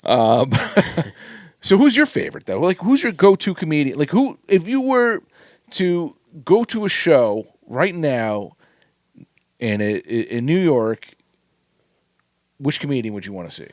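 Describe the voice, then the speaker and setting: A man's voice: on the high side, big pitch swings, a little slow, darkish tone, no echo, studio quality. A man co-hosting a podcast in casual chat, rambling with frequent restarts and laughs. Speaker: podcast co-host.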